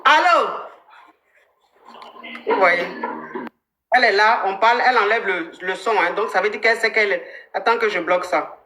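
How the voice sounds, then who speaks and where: A woman hosting a live relationship coaching stream, chatting casually, animated and thanking viewers by name. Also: mid-range voice, normal speed, pauses often. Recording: echoey room sound.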